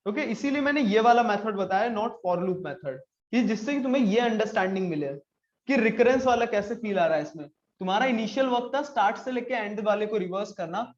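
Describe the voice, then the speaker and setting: Chatty coding teacher, high-pitched man. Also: roomy sound, muffled recording. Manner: chatty, mixes English into Hindi, asks the class questions. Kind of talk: live online class, casual.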